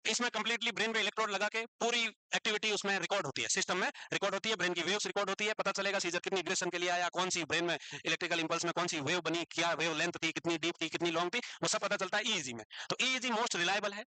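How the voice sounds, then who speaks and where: A man teaching a psychiatry class in speech, dictating notes slowly and teasing students about writing them down. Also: high voice, steady tone, sharp tone, no room sound, faint music behind, poor audio.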